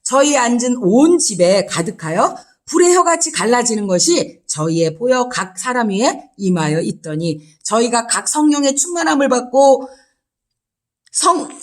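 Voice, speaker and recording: A woman evangelist with a fairly high voice tells children a Bible story in a lively way, frequently asking them questions.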